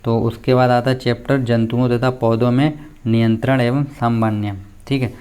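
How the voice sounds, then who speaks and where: An Indian male teacher explains a school syllabus to his students, checking in with them often in a plain, explanatory manner. His mid-range voice is clear, resonant and darkish, at a normal pace with little pitch movement.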